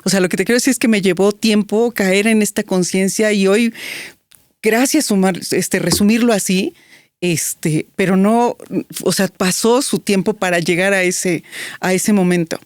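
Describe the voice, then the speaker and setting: A woman's voice: mid-range voice, moderate pace, no room sound, studio quality. Reflective woman telling her story. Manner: reflective, many "este" fillers and restarts. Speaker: guest, business strategist. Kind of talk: personal storytelling in an interview.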